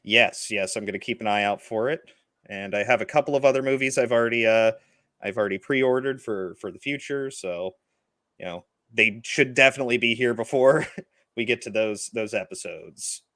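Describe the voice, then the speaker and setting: A man's voice: fairly low pitch, normal speed, a bit bright, dry recording. A man hosting a casual live-streamed movie review chat, rambling with lots of filler words. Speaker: podcast host.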